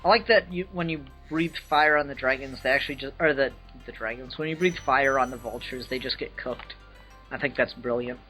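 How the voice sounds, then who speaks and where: A man's voice: medium pitch, fairly quick, bright, forceful tone, soft background music, low-quality recording. A young adult man hosting a let's play, giving casual, chatty gaming commentary.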